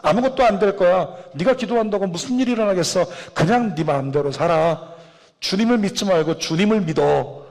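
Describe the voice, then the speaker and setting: Tempting evil inner voice, male, urging; a pastor puts it on. High, long reverb. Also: brisk, a little mellow. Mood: coaxing. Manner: coaxing, urging.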